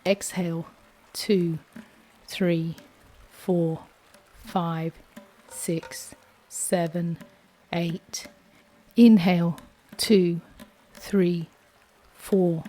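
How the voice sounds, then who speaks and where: A woman guiding a breathing exercise as an instructor, counting and giving instructions in a measured way. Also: fairly low pitch, steady tone, mellow, poor audio. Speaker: breathwork guide.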